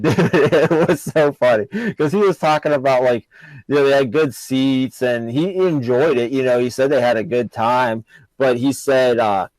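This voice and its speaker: A relaxed man co-hosting a sports podcast, retelling stories with easy laughter. His voice sits in a middle register and is recorded dry and close, with no room sound. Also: medium pitch, no room sound, rough recording. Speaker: podcast co-host. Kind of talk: casual sports chat.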